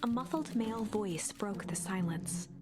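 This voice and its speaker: A woman's voice: medium pitch, measured pace. Woman narrating a storybook game. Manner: drops into a hushed whisper at tense moments. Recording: loud game music behind.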